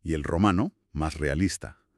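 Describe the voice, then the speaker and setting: A man's voice: very deep voice, moderate pace, darkish tone, no echo, studio quality. A man co-hosting a history podcast, reflective, prompting with questions and summaries in casual conversation. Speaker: podcast co-host asking questions.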